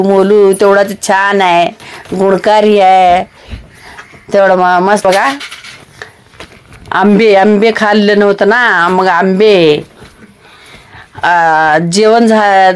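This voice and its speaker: A woman's voice: mid-range voice, clear, resonant tone. Chatty woman narrating a home vlog. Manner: chatty, rambling, with frequent fillers and restarts. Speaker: vlogger.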